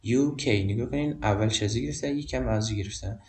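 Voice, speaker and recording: A man with an Afghan Dari accent teaching a basic English grammar lesson, patient and repetitive, pausing often with hesitations. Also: fairly low pitch. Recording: roomy echo, distant mic.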